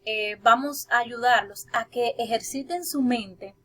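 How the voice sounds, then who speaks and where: A young woman in training to teach presents to her class in a steady, explanatory way. Her voice sits a little high, and she stops for brief hesitant fillers between points. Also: unhurried.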